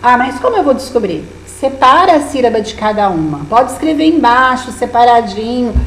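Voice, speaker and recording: A woman's voice: fairly high pitch, big pitch swings, moderate pace. A woman teaching schoolchildren in Brazilian Portuguese, patiently explaining workbook tasks with lots of diminutives. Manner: patient, encouraging, with many diminutives. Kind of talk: remote lesson walking through a workbook. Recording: echoey room with faint hum.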